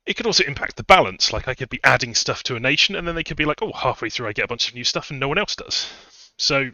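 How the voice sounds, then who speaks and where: A man's voice: medium pitch, lively intonation, quick pace, pushed and bright, no room sound, lo-fi sound. A man chatting casually on a live stream, rambling through his points with fillers, a little out of breath. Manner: rambling, conversational, many fillers and restarts. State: a bit out of breath. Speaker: streamer and game modder.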